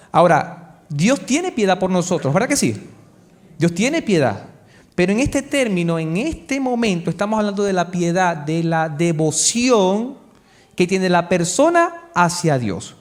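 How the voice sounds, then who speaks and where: High-voiced preacher calling out to his church. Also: darkish tone. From Chile. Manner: call-and-response preaching, asks the congregation to answer; stretches key words slowly for emphasis. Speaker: pastor. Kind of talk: sermon. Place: church hall with congregation.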